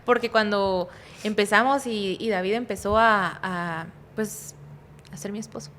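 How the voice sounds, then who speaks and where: Her pitch is medium and her pace measured, with a little hiss or hum in the recording from a distant studio podcast mic. A woman pastor with a Guatemalan accent, she rambles casually, breaks into her own sentences, and keeps adding tag questions, describing her delivery as soft but energetic.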